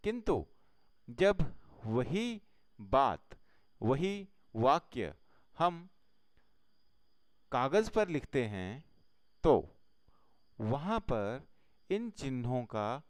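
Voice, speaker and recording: A man teaching a Hindi grammar lesson, explaining slowly step by step with pauses. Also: medium pitch, no echo.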